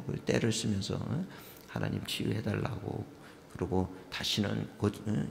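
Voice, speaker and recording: Middle-aged pastor guy, gravelly voice, preaching and storytelling, church hall reverb. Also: fairly low pitch, darkish tone, slight background noise. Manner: storytelling, questions the congregation, acts out his own prayers. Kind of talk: revival sermon. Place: church sanctuary.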